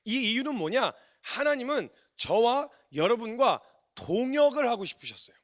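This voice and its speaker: A man preaching a sermon as a missionary, telling the story in an animated way and acting out its characters. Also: extremely high pitch, normal speed.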